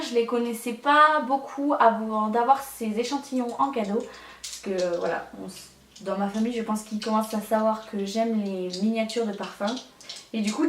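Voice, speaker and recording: A woman's voice: fairly high pitch, roomy sound, far from the mic, a little hiss or hum. A young woman chatting in a casual vlog, hesitant and full of fillers as she shows her collection. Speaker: beauty vlogger.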